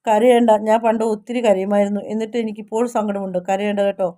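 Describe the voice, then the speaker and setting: A woman's voice: medium pitch, little pitch movement, fast, mellow, natural voice. A woman reading as an innocent little village boy. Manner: simple, guileless talk.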